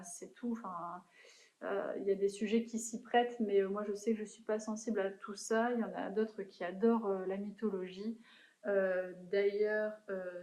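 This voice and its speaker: A woman's voice: medium pitch, warm tone, roomy sound, poor audio. A young woman chatting casually about books she has read, in a hesitant way with frequent fillers and restarts. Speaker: book vlogger. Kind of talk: casual book review chat.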